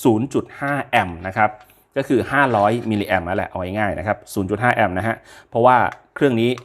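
A man giving a casual product review, talking straight to his viewers in a chatty, unhurried way, often pausing and correcting himself mid-sentence. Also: lowish voice, expressive, a bit bright. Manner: talks directly to viewers.

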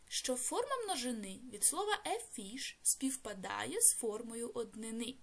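A woman's voice: a little high, a bit bright. A woman teaching beginners English, spelling out letters and sounds and translating each word. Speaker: language teacher.

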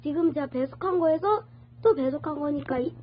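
A woman's voice: high-pitched, a little fast. A woman whose voice is sped up by an app, giving a casual phone tutorial and losing track of her words now and then. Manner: chatty, loses track of words and restarts. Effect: sped-up voice from a video app. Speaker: tutorial host. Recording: dull lo-fi sound with faint noise.

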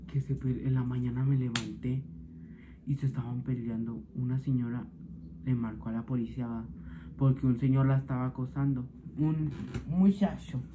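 Brief: Mexican man, casual gossipy vlogger, lo-fi phone-like sound. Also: mid-range voice. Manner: chatty, gossipy, frequent "ay, no" exclamations. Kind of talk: casual home vlog chat. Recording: tinny lo-fi audio with clear background noise.

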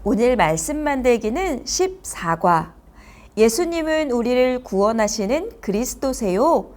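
A woman's voice: fairly high pitch, very animated, unhurried, a little mellow. A woman narrating a children's craft lesson in a simple, sing-song manner aimed at toddlers, like a Sunday school teacher.

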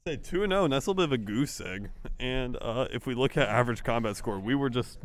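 A young man casting a college esports match in a relaxed, chatty way, laughing often. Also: medium pitch, fairly quick. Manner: laid-back, laughs often, filler-heavy. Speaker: esports caster. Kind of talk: casual game commentary.

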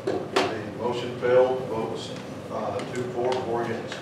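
A man chairing a formal committee meeting, speaking in a halting, procedural way. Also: mid-range voice, flat delivery. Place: committee meeting room, indoors. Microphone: distant camera microphone. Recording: very echoey, noisy room, distant microphone.

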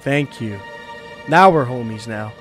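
A man's voice: mid-range voice, animated, unhurried. A young man giving casual let's play commentary, slangy and sweary, often repeating short phrases. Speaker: gaming streamer. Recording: loud game music behind voice.

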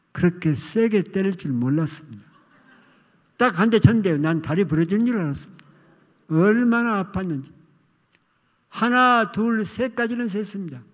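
An older male pastor giving a sermon testimony, telling a childhood story with animated, acted outcries. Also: high voice. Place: church sanctuary. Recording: long reverb of a church hall.

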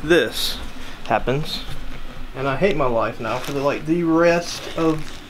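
The audio is poor, with a little hiss or hum, as a young man with a fairly high voice talks slowly to a camera held at arm's length. He's in a small cabin, chatting in a loose, rambling vlog style and poking fun at himself.

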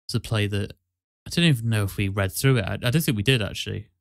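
A podcast host chats in a casual style, talking quickly in a lowish, gravelly voice. The sound is clean and studio-like, with no room sound.

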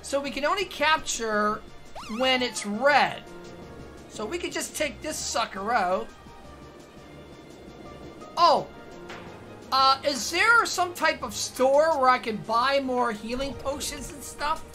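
Bright-voiced woman streaming a game. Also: high-pitched, animated, slow pace, long pauses. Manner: thinking aloud, asking herself questions. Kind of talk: casual gameplay commentary. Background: faint game music.

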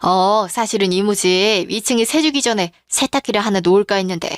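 A woman's voice: mid-range voice, fairly quick, no room sound, studio quality, natural voice. A woman voicing a generous middle-aged aunt who talks in a breezy, teasing way.

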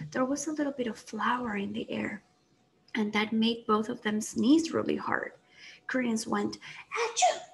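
A woman narrating a children's story in an animated way, dropping in Spanish phrases. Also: on the high side, vocal fry, slight background noise, low-quality recording.

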